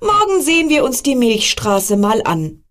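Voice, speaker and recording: Lady doing chuckly bored comets, a bit high, storybook voice. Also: very animated, measured pace, a bit bright. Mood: amused. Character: bored, laughing group of comets.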